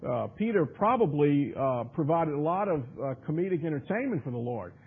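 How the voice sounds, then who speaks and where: A man teaching a Bible study, with a slightly higher-pitched, husky voice. He moves between reading old scripture and chatting loosely about it, full of "you know" and restarts. The sound is thin and tinny, like a phone-line radio broadcast. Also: very animated, a little fast. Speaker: preacher. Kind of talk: expository Bible study sermon.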